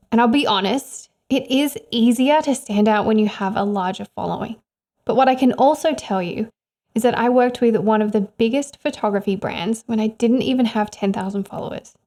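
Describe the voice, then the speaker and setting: A woman with a slightly higher voice talks straight to camera in an advice vlog. She speaks as a freelance photographer, candid and encouraging, with the easy flow of casual conversation. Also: normal speed, darkish tone. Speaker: freelance photographer giving career tips.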